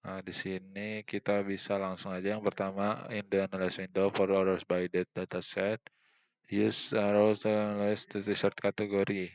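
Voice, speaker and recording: A young man walks through a software tutorial, hesitant and full of fillers as he thinks aloud while clicking. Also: fairly low pitch, smooth, no echo, dull audio. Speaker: student presenting a tutorial. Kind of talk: screen-recorded software tutorial.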